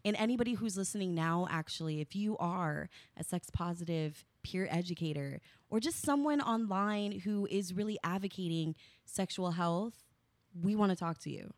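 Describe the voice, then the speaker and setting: A woman's voice: fairly low pitch, normal speed, no echo. A woman co-hosting a podcast in casual chat, chatty and self-deprecating, laughing often. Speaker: podcast co-host.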